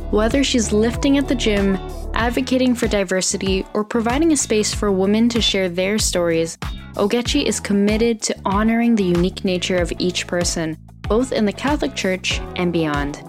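A woman's voice: medium pitch, normal speed, faint music behind. A woman hosting a podcast, reading a scripted intro and then interviewing her guest in an encouraging way. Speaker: podcast host.

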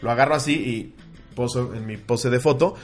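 A young Mexican man with a Mexican Spanish accent, co-hosting a podcast and telling a story in casual chat, animated and profane, acting out voices. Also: medium pitch, normal speed, soft background music. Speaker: podcast co-host.

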